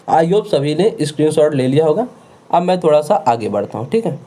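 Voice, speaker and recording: A man's voice: on the high side, sing-song, normal speed, mellow. A male teacher giving an online grammar lesson, who repeats words over and over and keeps asking rhetorical questions to check the class is following. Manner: repetitive, drilling words over and over.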